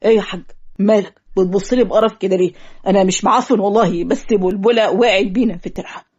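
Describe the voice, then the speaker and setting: Speaking with an Egyptian accent, a woman voices a clumsy, teasing young male marriage officiant in a cartoon story, firing off quick comic retorts. Her voice is mid-range and darkish with a breathy edge and a natural quality, heard through lo-fi, muffled audio.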